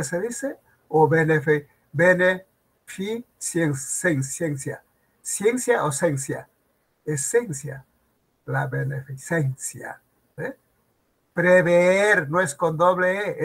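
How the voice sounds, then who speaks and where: A man's voice: a little high, creaky, husky. A man teaching a grammar class, drawing out example words and firing rhetorical questions at his students.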